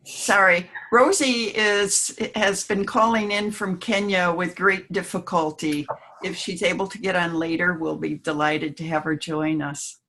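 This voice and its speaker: A woman hosting an online panel discussion, introducing guests in a measured way. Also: lowish voice, fairly even intonation, fairly bright tone. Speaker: panel host.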